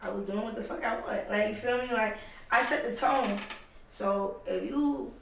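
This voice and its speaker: A rapper guest talking casually and emphatically on a podcast, with lots of slang and cursing. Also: male voice, sits high, moderate pace, vocal fry, a bit bright, slight background noise. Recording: echoey room, mic at a distance.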